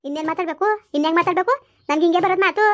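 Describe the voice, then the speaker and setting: A woman playing a sharp-tongued village mother-in-law. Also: high voice, level tone, racing, close to an everyday voice. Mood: scolding. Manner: sharp and dismissive, cuts others off. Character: bitter, scolding village mother-in-law, middle-aged. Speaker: village skit actor. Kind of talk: homemade village family drama.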